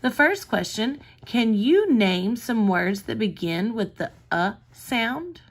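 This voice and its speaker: A woman kindergarten teacher records a reading lesson for young children, explaining simply and sounding out words carefully as though reading to a toddler. Her voice is on the high side, animated and slow.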